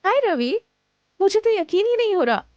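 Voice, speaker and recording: An actress dubbing an eager young woman in love in a film, full of excited questions. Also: very high-pitched, moderate pace, no echo, dull audio. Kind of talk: dubbed film dialogue.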